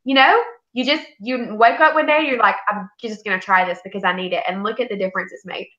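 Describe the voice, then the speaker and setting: A woman's voice: mid-range voice, fast talker, bright, forceful tone. A woman host chats casually and gushes with encouragement to her guest. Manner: gushing, effusive, encouraging. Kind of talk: casual interview chat. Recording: echoey, muffled room sound.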